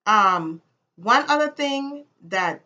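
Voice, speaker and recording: On a lo-fi track, a Virgin Islands woman with a Caribbean accent talks slowly in a slightly high, bright, forceful voice with lively intonation. She's casual and opinionated as she addresses the camera about personal things, hammering points home by repeating phrases.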